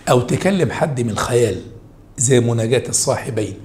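A man with an Egyptian accent teaching a high school Arabic rhetoric review, animated and coaxing his students with pet names. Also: a little fast.

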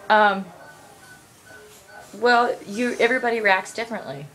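A middle-aged woman chatting gently and reassuringly, like a mother looking after her child. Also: medium pitch, unhurried, soft background music, poor audio. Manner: gentle, reassuring, uses endearments. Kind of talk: casual chat. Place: small dental clinic room.

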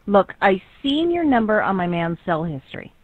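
A woman's voice: medium pitch, sing-song, moderate pace. A woman playing a jealous, confrontational young woman who demands answers on a phone call. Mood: accusing. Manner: accusing, demanding.

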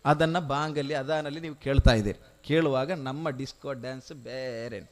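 A man with a coastal Karnataka Kannada accent preaching a sermon, telling stories quietly and then raising his voice to urge the listeners. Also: medium pitch, moderate pace. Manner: swings from soft storytelling to loud exhortation. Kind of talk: sermon with storytelling.

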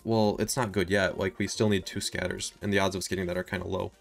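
A young man in his twenties gives casual gambling commentary in a low, creaky voice. He talks quickly, with music playing behind him. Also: level tone. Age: 20s. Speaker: slot streamer.

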